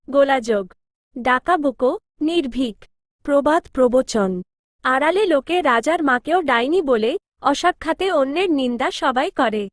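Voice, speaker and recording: Woman, high voice, very slow, measured recitation, dry close sound. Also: dry recording. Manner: measured, list-like, one term at a time. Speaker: teacher reading vocabulary lists. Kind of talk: slow study recitation of word lists.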